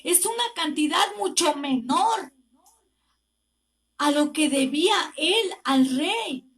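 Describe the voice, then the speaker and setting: A woman's voice: sits high, animated, a bit bright. A woman preacher with a Mexican Spanish accent delivering a fervent sermon, often breaking in with words of praise. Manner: slow, deliberate delivery with emphatic pauses.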